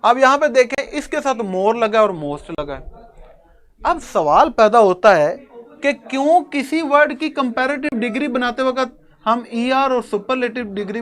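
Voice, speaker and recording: A man's voice: very high-pitched, expressive, moderate pace, fairly bright tone. A man teaching an English grammar lesson to a class, explaining step by step and addressing his students fondly. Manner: chuckles now and then.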